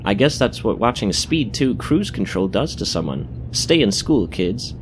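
A man's voice: lowish voice, sing-song, unhurried, background noise. A man playing a goofy, self-aware narrator of a comic audio drama, hammy with casual asides and mock-dramatic announcing. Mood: wry, dramatic.

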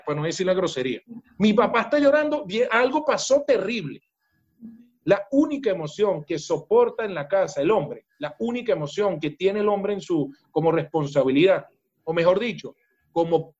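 A man's voice: high-pitched, a little mellow, dull audio. A man with a Venezuelan accent, a business coach speaking in a podcast interview, emphatic and talking straight to the listener.

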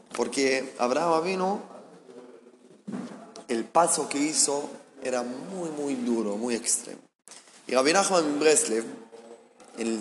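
A man with a Rioplatense Spanish accent, a rabbi giving a Torah lesson who tells the story with lively acted-out dialogue. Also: mid-range voice, roomy sound, big-room sound, noisy background. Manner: animated storyteller acting out dialogue.

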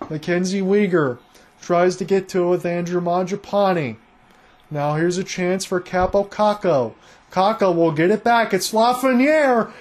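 Male live hockey caller, high-pitched voice, conversational and chatty with listeners. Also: a little mellow. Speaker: hockey play-by-play commentator. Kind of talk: live sports commentary.

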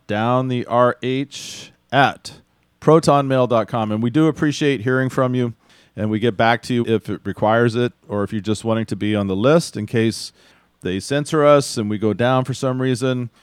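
An American man with a middling pitch hosts a podcast in a casual, conversational style. The sound is very dry, with no room on it. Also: moderate pace, clear, resonant tone, dry recording. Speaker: podcast host.

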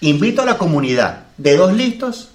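A middle-aged Venezuelan man co-hosting a casual podcast, with a somewhat high and very animated voice. He reacts with quick teasing quips. The room around him rings with echo. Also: crowd noise. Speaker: podcast co-host. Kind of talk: casual chat. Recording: echoey room.

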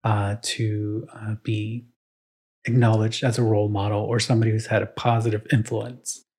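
A man's voice: fairly low pitch, little pitch movement, moderate pace, a little mellow, husky. A young man co-hosting a casual podcast, bantering and running a playful trivia quiz. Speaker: podcast co-host. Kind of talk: casual chat.

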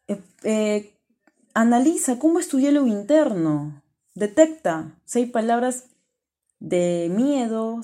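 This podcast host, a woman with a medium-pitched voice, offers self-help advice straight to her audience with earnest encouragement. By her own account, she's naturally loud.

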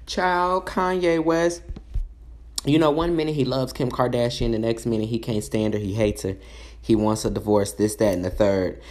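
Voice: medium pitch, steady tone, a little fast, mellow. A commentator giving casual celebrity gossip commentary in a sassy, chatty way, full of asides and fillers.

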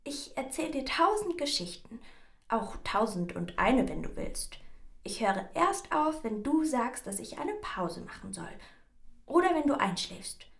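A woman voicing a small, frightened but clever mouse in a storybook reading, squeaking and stammering. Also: big pitch swings, a little slow, gravelly, a bit bright, full character voice. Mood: bold.

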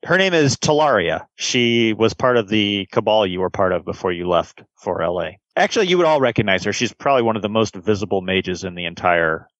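A man's voice: fairly low pitch, animated, brisk, few pauses, a bit bright, no echo, muffled recording. Easygoing man running a tabletop game. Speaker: game master.

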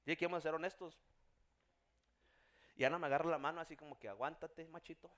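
A man preaching a sermon as pastor, building from hushed storytelling to shouted emphasis. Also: fairly high pitch, steady tone, quick pace.

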